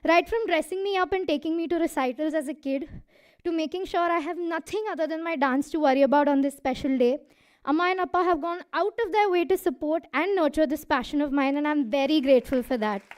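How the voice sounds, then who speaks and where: High voice, a young indian english woman panting through a thank-you speech, earnest, speaking into a stage mic. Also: brisk. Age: 20s. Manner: earnest, laughs between lines. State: out of breath. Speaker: dancer giving thanks speech. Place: hall stage.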